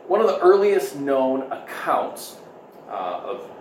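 A man in his thirties, a pastor giving a conversational sermon and prayer streamed online from home, pausing often with "uh". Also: mid-range voice, sing-song, darkish tone, far from the mic, slight background noise. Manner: conversational, full of "uh" fillers. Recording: echoey room.

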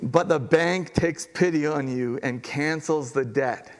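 A man delivering a sermon to his congregation. He talks in a casual, storytelling way and acts out the people in the parable. His voice sits a touch high. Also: measured pace. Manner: conversational, animated storytelling with acted quotes. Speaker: pastor.

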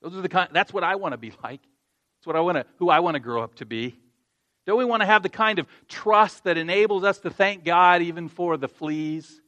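On dull-sounding audio, a pastor with a high-pitched, bright, forceful voice talks expressively and a little fast. He tells a personal story in a conversational way, laughing at himself, then presses his congregation with earnest emphasis.

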